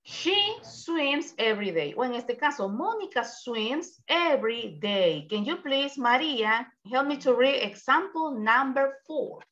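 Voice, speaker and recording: A woman's voice: high voice, slow pace, hardly any pauses, a bit bright, lo-fi sound. Give me a patient woman English teacher on a call. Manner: explains patiently, switches into English examples. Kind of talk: online class instruction.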